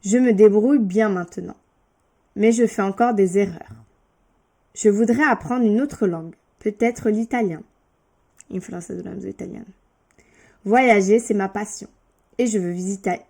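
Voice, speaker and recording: A woman teaching French, reading a beginner lesson text aloud with careful, clearly articulated delivery and brief explanatory asides. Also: mid-range voice, dark tone.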